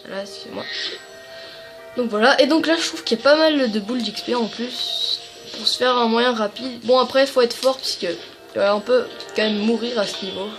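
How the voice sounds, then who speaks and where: Rambling high-voiced woman explaining a game. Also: normal speed, over music. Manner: rambling, filler-heavy, apologetic. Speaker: video game channel host. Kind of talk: casual game tutorial commentary. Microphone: tablet.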